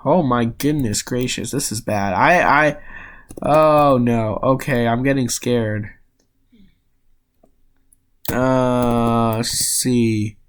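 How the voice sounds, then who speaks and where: A young man from the United States hosting his gaming channel, giving chatty, unhurried commentary as he plays a word game and gets easily rattled. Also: medium pitch, steady tone, smooth. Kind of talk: casual commentary while playing a word game.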